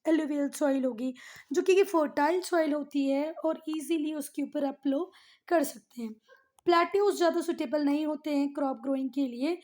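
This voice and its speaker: Woman teacher, pretty high voice, goes over each point again n again for the kids, slips english bits in. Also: darkish tone. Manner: explains patiently, repeats key terms and keeps addressing the students; mixes English textbook phrases into Hindi explanation. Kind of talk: classroom lesson for schoolchildren.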